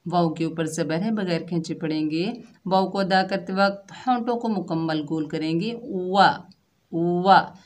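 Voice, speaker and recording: A woman's voice: fairly low pitch, normal speed, darkish tone. A woman with an Urdu accent teaching Quran recitation online, explaining each rule step by step and modelling sounds for students to repeat.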